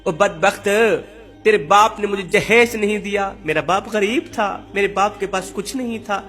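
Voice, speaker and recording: A man's voice: high-pitched, bright, forceful tone, soft background music. A man voicing a grieving, mistreated young wife who pleads tearfully and repeats herself. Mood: pleading.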